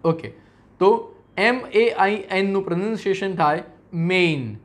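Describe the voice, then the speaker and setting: Male teacher, Gujarati accent, high voice, spells words out and acts out common mistakes. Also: measured pace, a bit bright. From Gujarat, India. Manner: explains by spelling words out letter by letter; acts out common mispronunciations with everyday examples. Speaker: English pronunciation teacher. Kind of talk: teaching lesson.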